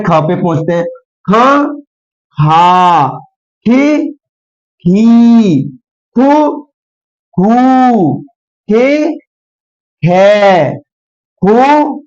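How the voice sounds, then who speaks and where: A slightly hoarse man teaching the Hindi alphabet, asking questions and answering them himself while drawing out each syllable. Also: high voice, a little mellow. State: slightly hoarse from a sore throat. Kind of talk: slow spoken Hindi alphabet lesson. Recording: dull lo-fi recording.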